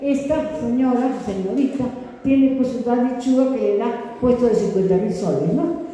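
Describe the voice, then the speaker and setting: A woman's voice: on the high side, moderate pace, mellow. Older woman lecturing in echoey hall. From Peru. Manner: conversational, ironic, tags points with rhetorical questions. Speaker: sociologist lecturer. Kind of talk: political lecture. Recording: echoey hall with long reverb.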